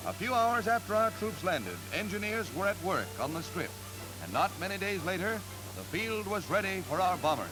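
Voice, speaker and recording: A man narrating war footage in brisk, emphatic 1940s newsreel style, with old newsreel sound. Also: high voice, big pitch swings, poor audio. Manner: brisk, emphatic announcer delivery. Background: loud music.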